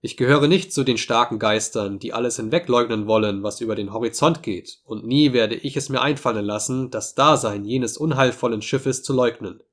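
A man reading a story voices an old, weather-hardened first officer who speaks firmly and calmly. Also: medium pitch, moderate pace, few pauses, lightly acted. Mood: resolute. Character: steady old first officer, calm and resolute.

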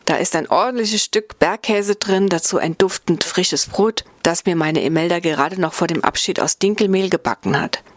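A woman's voice: on the low side, normal speed, few pauses, no echo, natural voice. A woman playing a jolly joking marmot fellow. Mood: teasing. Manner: playful, teasing, fond of food and fun. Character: jolly joking male alpine marmot from the Swiss mountains. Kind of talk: storybook reading.

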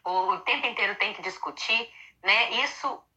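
A woman, a child psychologist, explaining calmly in a casual interview and acting out quoted children and mothers. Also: medium pitch, normal speed. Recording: dull lo-fi phone line.

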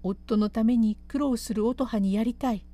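A woman voicing a young blind man, a fallen flute player, brooding and torn in an inner monologue from a classic told tale. The voice stays only a little high, with a dark, mellow tone. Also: normal speed, lightly acted.

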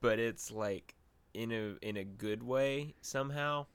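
A man co-hosting a casual podcast chat, talking in a slow, reflective way with many fillers. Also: mid-range voice, clean tone, dry recording. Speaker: podcast co-host.

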